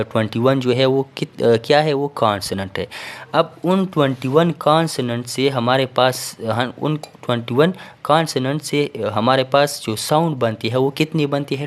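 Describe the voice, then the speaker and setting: A man teaches a recorded lesson at a middle pitch. He explains step by step, often pausing on filler sounds and checking in with the listener before moving on. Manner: explains patiently, repeats "theek hai" and fillers. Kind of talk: recorded classroom lecture.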